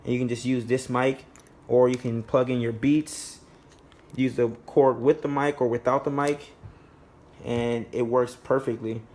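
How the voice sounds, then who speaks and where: A man's voice: medium pitch, level tone, measured pace, a little mellow. A man giving a casual, plain-spoken how-to narration, explaining things informally as a DIY presenter.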